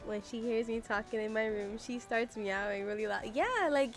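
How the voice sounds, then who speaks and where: A woman's voice: mid-range voice, level tone, moderate pace, faint music behind. A young woman streaming a game from her room, chatting on a desk microphone in a chatty, exasperated way, full of "like" fillers. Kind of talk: casual livestream chat. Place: room at home.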